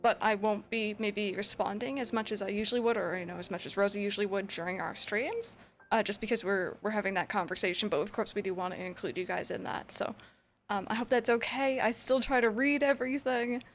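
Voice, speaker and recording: A woman of middling pitch co-hosting a relaxed livestream podcast. She laughs easily and fills her speech with ums and likes. Soft music runs faintly underneath. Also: brisk. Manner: giggly, many ums and likes. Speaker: co-host streamer. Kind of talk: casual stream chat.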